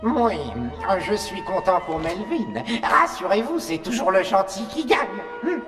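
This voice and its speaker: A man's voice: high-pitched, expressive, unhurried. A man voicing a mocking, theatrical undead horror host who relishes puns in a French cartoon dub. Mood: gleeful mockery. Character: ghoulish undead male storyteller, gleefully punning. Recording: long echoing reverb over music.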